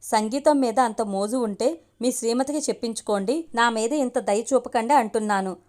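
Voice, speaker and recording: A woman's voice: on the high side, normal speed, darkish tone, close to an everyday voice. Proud, dignified young woman, read by a woman storyteller in an audiobook.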